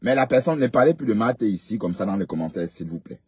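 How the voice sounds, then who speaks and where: A man's voice: on the low side, expressive, fast, a little mellow, husky, no echo, clean studio sound. A man hosting a live stream, chatting casually and lecturing his commenters. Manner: chatty, scolding, addresses commenters directly.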